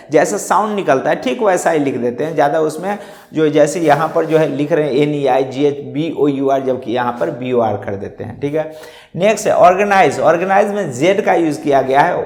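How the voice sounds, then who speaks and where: A man's voice: a little high, a little mellow. A man teaching an English lesson, spelling words out letter by letter and asking and answering his own questions. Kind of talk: classroom-style lesson. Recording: echoey room.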